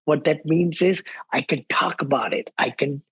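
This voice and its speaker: A man's voice: a little high, moderate pace, a bit bright, slightly rough, no echo. A man from India hosting an interview, enthusiastic and chatty, often calling his guest "brother". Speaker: podcast host. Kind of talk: conversational interview.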